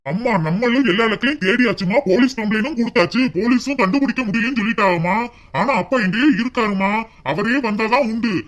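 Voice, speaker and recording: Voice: mid-range voice, fairly bright tone, close to an everyday voice. A performer voicing a concerned grown son with a southern Tamil accent, pressing his mother with questions. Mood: consoling. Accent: southern Tamil, Tirunelveli. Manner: brisk, pleading questions. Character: concerned grown son, man of the village house.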